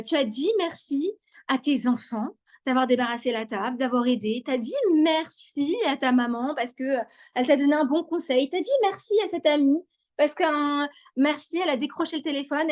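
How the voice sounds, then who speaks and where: A high-pitched woman lecturing to a live online audience over a video call. She speaks directly to her listeners and repeats key ideas. She often hesitates and restarts a sentence. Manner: warm, repetitive, addresses listeners directly. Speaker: lecturer on wellbeing.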